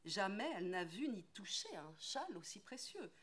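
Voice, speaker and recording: A woman's voice: mid-range voice, big pitch swings, normal speed, a bit bright, breathy edge. French woman giving a lilting literary reading. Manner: rhythmic, lilting, with repeated phrases. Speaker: actress reading a book aloud.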